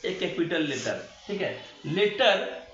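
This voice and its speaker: A man's voice: on the high side, big pitch swings, slow pace, fairly bright tone, faint music behind. A male teacher giving a classroom-style grammar lesson. He keeps asking rhetorical questions and answering them himself, and he draws words out when he spells them. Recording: echoey room, dull lo-fi sound.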